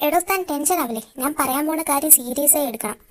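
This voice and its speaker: A woman voicing a calm hospital doctor in a fan audio drama, measured and explanatory. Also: high-pitched, lightly acted. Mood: serious.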